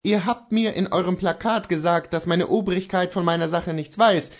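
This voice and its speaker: A man voicing a high-strung defiant horse dealer. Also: fairly even intonation, normal speed. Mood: defiant earnest. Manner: earnest, insistent pleading. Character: defiant proud male horse dealer outlaw.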